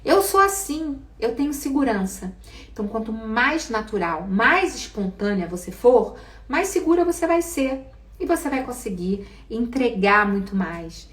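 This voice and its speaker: Brief: Brazilian woman coaching a class on speaking, fairly high voice, lively, recorded roomy from off the mic. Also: measured pace, recorded from a distance. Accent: Brazilian Portuguese. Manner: lively, asks the class questions. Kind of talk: live online class.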